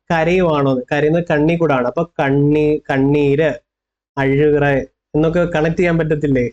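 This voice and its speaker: Coaxing Malayali exam tutor, lo-fi sound. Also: male voice, a little high, darkish tone. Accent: Kerala Malayalam. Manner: coaxing, repeats facts and checks with the listener. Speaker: exam coaching teacher. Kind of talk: online exam-prep lesson.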